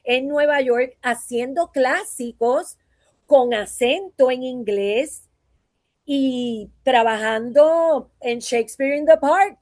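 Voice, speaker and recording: Puerto rican lady voice teacher, kinda high, earnest, very dry mic. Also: takes it slowly, a little mellow, dry recording. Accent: Puerto Rican Spanish. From Puerto Rico. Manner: earnest, reflective, frequent "¿verdad?" tags. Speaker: voice and acting teacher. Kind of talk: conference talk.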